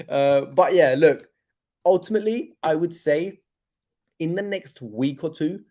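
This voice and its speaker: A young man hosting a crypto livestream, chatting casually, loose with slang, slowed by pain from his hip. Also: on the high side, warm tone. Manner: chatty, laid-back, loose with slang and fillers.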